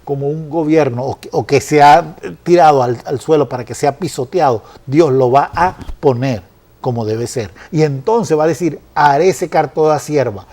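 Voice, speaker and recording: A man earnestly explaining Bible passages in a conversational study, often pausing with fillers and restarting phrases. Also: fairly high pitch, dark tone. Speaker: Bible teacher.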